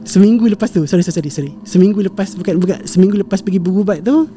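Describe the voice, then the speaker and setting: In a warm, high voice, a young man speaks rapid-fire as a podcast guest telling a family story, with slight background noise. It is a casual, rambling account full of fillers and self-corrections, sprinkled with English words.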